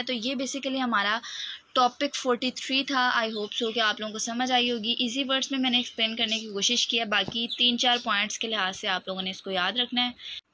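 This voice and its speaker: Bright-voiced woman teaching a lesson. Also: a little high. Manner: explains step by step, often says "theek hai". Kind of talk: recorded lecture explaining topics.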